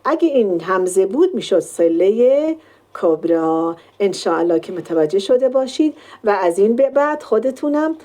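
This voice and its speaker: A woman with a mellow, dark voice teaches a Quran recitation lesson. She explains each point step by step. She draws out the sample words slowly to show how long each sound is held. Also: medium pitch, big pitch swings.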